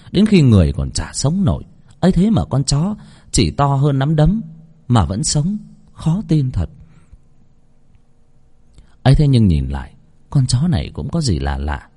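A male storyteller narrates a horror tale in a hushed, suspenseful way. His voice is husky and mellow. His pitch swings widely.

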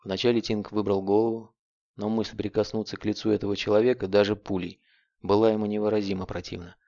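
Man, audiobook narrator, steady and grave, gravelly voice, lo-fi sound. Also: fairly low pitch, fast, no echo.

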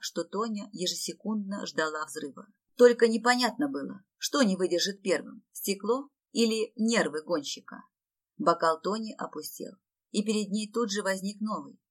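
A woman reading an audiobook aloud in steady, even scripted narration. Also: medium pitch.

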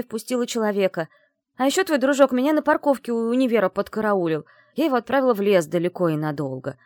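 Whiny, cheeky young heroine, voiced by the narrator; high, animated, protesting. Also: female voice, no room sound, clean studio sound, close to an everyday voice. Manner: whiny and protesting, squeals, rambling.

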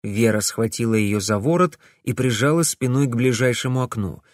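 A man narrating an adventure audiobook with steady, dramatic storytelling. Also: mid-range voice, normal speed, no echo, studio quality.

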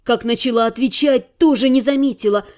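A woman's voice: on the high side, brisk, darkish tone. A woman narrating a first-person story as an audiobook, reading expressively with emotion.

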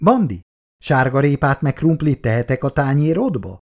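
A man's voice: medium pitch, sing-song, a little mellow, pitched above the performer's own voice. A man reading aloud, voicing a fussing, reproachful middle-aged mother in a raised voice.

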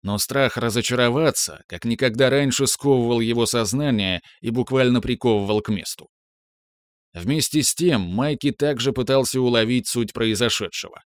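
A man reads dramatic fiction as a scripted audiobook narrator. His pitch is mid-range and the sound is dry, with no room on it. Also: moderate pace, no room sound.

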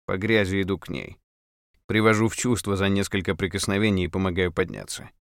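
A man with a fairly low voice delivers dramatic first-person audiobook narration. He speaks in terse, clipped, intense phrases, recorded very dry. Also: flat delivery, a little fast, smooth, dry recording.

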